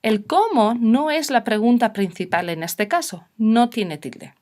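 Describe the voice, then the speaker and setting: A woman's voice: a little high, measured pace, a little mellow. A woman teaching a recorded grammar lesson, explaining patiently and giving example sentences. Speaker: Spanish teacher.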